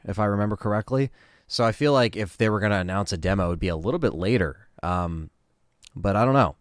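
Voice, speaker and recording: A man hosting a casual livestream, answering chat questions in a relaxed, rambling way with lots of fillers. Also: low-pitched, smooth, no room sound, clean studio sound.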